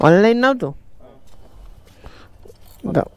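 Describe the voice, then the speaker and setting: A young man narrating a motorbike trip in a relaxed, chatty way, joking along as he stops at roadside places. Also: high voice, slow pace, no echo, faint music behind. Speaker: motorbike rider and co-vlogger. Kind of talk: casual travel vlog narration. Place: roadside stops and fuel station, outdoors.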